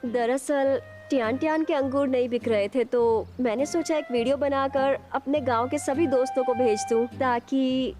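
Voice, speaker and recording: A woman's voice: sits high, normal speed, hardly any pauses, darkish tone, natural voice. A woman dubbing a young village woman who secretly vlogs and talks her mother round. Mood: earnest. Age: young adult. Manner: coaxing, keeps addressing her mother. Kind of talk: Hindi dub of a drama. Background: background music.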